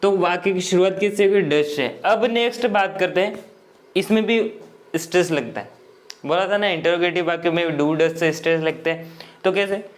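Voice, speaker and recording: A man teaching English grammar in Hindi, explaining step by step and often checking that students follow. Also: high-pitched. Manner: slow, repetitive explaining with frequent checks.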